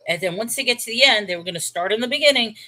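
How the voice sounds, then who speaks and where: A woman's voice: on the high side, expressive, very fast, pushed and bright, rough recording. A woman from New York telling a personal story on a livestream in a casual, chatty way, checking in with her listeners and wondering aloud. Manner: chatty, checks in with "okay?" and "all right?"; wondering aloud, rhetorical questions. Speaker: channel host.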